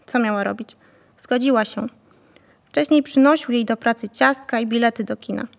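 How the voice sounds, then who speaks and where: A woman narrating a novel in a calm, even storytelling manner. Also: fairly high pitch, normal speed, creaky, long reverb tail. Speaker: audiobook narrator.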